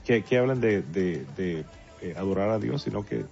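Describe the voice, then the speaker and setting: Deep gravelly man, lo-fi. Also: animated, normal speed, a little mellow. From El Salvador. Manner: hesitant, many fillers and restarts. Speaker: guest songwriter and producer. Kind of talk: casual interview talk. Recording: dull lo-fi with faint music.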